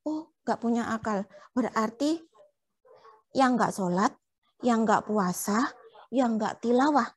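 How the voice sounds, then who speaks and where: Playful high-voiced young woman teacher. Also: animated, slow pace, long pauses, breathy edge. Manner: playful, coaxing, asks children questions. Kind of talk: children's puppet show lesson.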